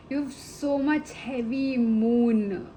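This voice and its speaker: A woman's voice: fairly high pitch, mellow, slight background noise, poor audio. A woman giving a casual tarot reading to the viewer, affectionate and rambling, calling them babe and honey. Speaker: tarot reader.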